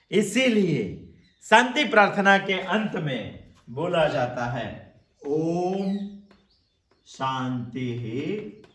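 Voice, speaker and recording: A man gives a spiritual discourse, slow and deliberate, repeating each phrase for emphasis. His voice is bright and fairly high, rising and falling widely. The room around him rings with echo. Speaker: Upanishad teacher.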